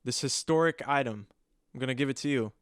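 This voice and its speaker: A man's voice: medium pitch, fast, clean tone, no room sound, studio quality, close to an everyday voice. A young man playing an earnest, hesitant customer trying to sell an old family heirloom.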